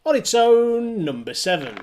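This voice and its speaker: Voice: mid-range voice, sing-song, measured pace, a little mellow. A bingo caller calling numbers live, digit by digit with a rise, then the whole number with a fall. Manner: calls each number digit by digit, rising then falling, then repeats it whole. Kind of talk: live bingo calling in traditional singsong rhyming-call pattern.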